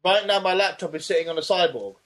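A man co-hosting a podcast, talking casually in a rambling, jokey way with halting restarts. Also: sits high, fairly bright tone. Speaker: podcast co-host. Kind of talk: casual chat.

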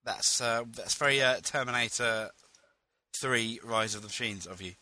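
A man's voice: mid-range voice, normal speed, sharp tone, no echo. A man hosting a podcast, chatting eagerly and laughing easily, often stumbling over how his sentences start. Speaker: podcast host. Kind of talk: casual chat.

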